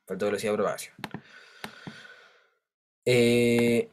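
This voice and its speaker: A man's voice: mid-range voice, fairly even intonation, unhurried, darkish tone. Male teacher explaining with constant check-ins. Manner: explanatory, checks understanding with frequent "¿ya?". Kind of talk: online class lecture.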